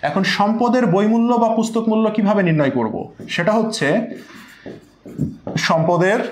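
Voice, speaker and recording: High-voiced teacher in an echoey room. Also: male voice. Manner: repetitive, asks rhetorical questions and answers them; addresses students as brother. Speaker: accounting teacher. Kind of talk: online class lecture.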